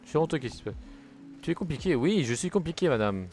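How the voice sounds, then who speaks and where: A man's voice: fairly high pitch, expressive, fast, darkish tone, faint music behind. A young man chatting casually while streaming a car football game, rambling from topic to topic and swearing when plays go wrong. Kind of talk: casual gaming commentary.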